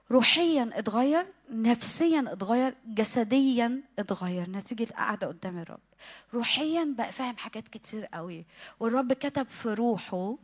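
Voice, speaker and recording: High-voiced Egyptian woman preaching. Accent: Egyptian Arabic. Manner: animated, acts out listeners' excuses, drops to a hushed whisper in prayer. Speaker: youth meeting preacher. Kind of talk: sermon.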